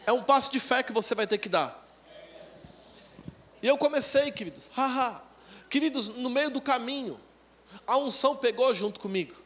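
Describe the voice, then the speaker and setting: A man's voice: extremely high pitch, normal speed, pauses often, a little hiss or hum. A man with a Brazilian Portuguese accent, a pastor preaching a sermon in a church service and telling a testimony, acting out laughter and the voices of people in his story. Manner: animated storytelling, acts out laughing and dialogue.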